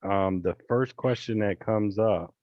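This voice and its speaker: A man coaching on a casual screen-share call, chatty and relaxed, with many fillers and restarts. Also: on the low side, unhurried, no room sound, muffled recording. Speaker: real estate investing coach. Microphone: video call.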